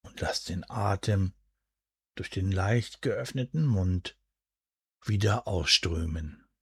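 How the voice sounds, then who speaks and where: A hypnosis and relaxation guide narrates sleep hypnosis in a deep, husky male voice that is breathy, soft, and at times nearly a whisper. He is soothing, hushed, and deliberate, unhurried with drawn-out pauses. The sound is very dry and close, with no echo.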